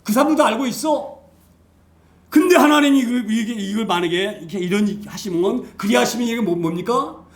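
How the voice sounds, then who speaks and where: A man preaching a sermon as pastor, animated and acting out the voices of the people he quotes. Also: sits high, brisk, roomy sound.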